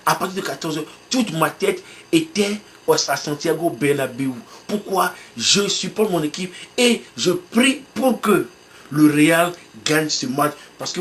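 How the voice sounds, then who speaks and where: Man preaching, tells it like a lively story, bit of faint noise behind. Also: on the high side. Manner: animated storytelling, acts out his own excitement. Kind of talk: sermon illustration told as a story.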